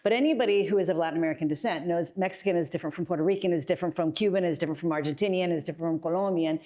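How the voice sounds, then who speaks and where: A woman's voice: fairly low pitch, very fast, dark tone. A woman stage director talking in an interview, thoughtful and explanatory, with frequent restarts. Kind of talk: casual interview.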